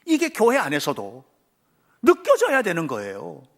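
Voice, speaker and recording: A male pastor preaching a sermon in a church, swinging between loud cries and hushed whispers and acting out voices in his stories. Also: a little high, wildly swooping pitch, normal speed. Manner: acts out quoted voices in stories. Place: church sanctuary.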